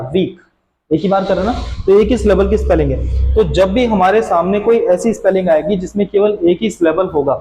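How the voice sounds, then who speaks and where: In a classroom grammar lesson, a teacher with a high, mellow voice explains the rules, often posing a question and answering it himself. The sound echoes as in a bare room, with slight background noise.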